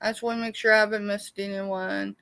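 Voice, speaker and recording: This Texas-born live sale host and small seller from the United States, middle-aged, talks fairly quickly in a medium-pitched, level, pushed and bright voice. The recording is clean and dry, and she chats and rambles casually with her viewers like old friends.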